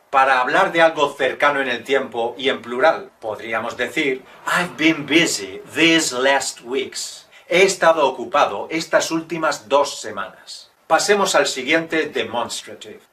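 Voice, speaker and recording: A man teaching English in a video lesson. He makes jokey asides and reads his English examples slowly and carefully. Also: mid-range voice, pushed and bright, far from the mic. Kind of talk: Spanish-language English lesson.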